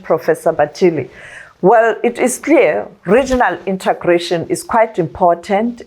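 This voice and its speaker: A woman hosting a podcast panel, thanking guests and summing up in a measured way. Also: fairly low pitch, a little mellow. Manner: brief affirming interjections and measured summing up. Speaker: podcast host and moderator. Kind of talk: moderating a panel discussion.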